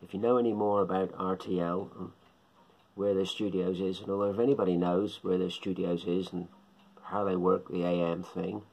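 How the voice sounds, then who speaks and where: A middle-aged Englishman with a husky, gravelly voice muses to camera about his shortwave radio hobby from a small living room, recorded close up on a phone or webcam. He speaks at a normal speed in a deep, flat, darkish voice, and the recording is rough. His talk is rambling and repetitive.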